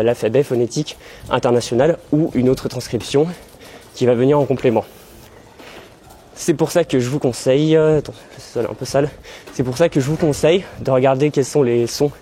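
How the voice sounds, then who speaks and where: A man's voice: medium pitch, warm tone, slight background noise. A young man hosting a language-learning vlog, chatting in a loose, rambling way as he walks city streets with a handheld camera. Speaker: language-learning video host. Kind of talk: casual walking vlog. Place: outdoors, walking through city streets.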